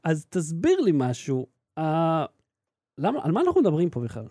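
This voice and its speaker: A man in his thirties with an Israeli accent, co-hosting a podcast in casual, animated chat. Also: on the high side, no echo, studio quality. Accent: Israeli Hebrew. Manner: animated, ranting. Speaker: podcast co-host.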